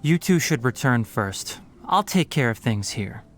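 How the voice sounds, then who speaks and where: A man voicing a brisk, responsible young forest ranger in a fantasy video game, speaking in an articulate, matter-of-fact, instructive way. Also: medium pitch, expressive, faint music behind, close to an everyday voice. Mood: firm, concerned.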